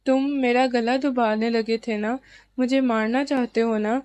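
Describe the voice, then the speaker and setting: A woman's voice: fairly high pitch, steady tone, a little mellow, natural voice. A woman reading as a frightened young wife who pleads and panics. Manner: fearful, pleading.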